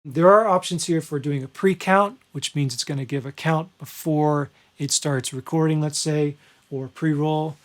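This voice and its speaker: A man teaching a screen-recorded music software lesson, relaxed and conversational as he explains each step. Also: fairly high pitch, normal speed. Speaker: music instructor.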